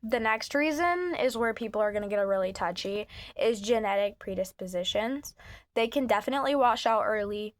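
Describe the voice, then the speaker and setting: A woman talking casually to the camera in a blunt, chatty way, recorded on her phone's microphone. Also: mid-range voice. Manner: blunt and chatty, swears freely. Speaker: service dog handler. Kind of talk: casual vlog talk to camera. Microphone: phone camera mic.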